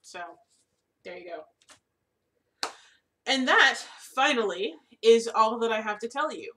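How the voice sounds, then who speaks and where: A woman's voice: a little high, expressive, slow pace, sharp tone, distant mic, a little hiss or hum. A woman vlogging casually about her craft supplies, rambling with lots of fillers and restarts, hiccuping now and then. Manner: chatty, many fillers and restarts. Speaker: cross-stitch vlogger. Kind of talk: casual rambling show-and-tell.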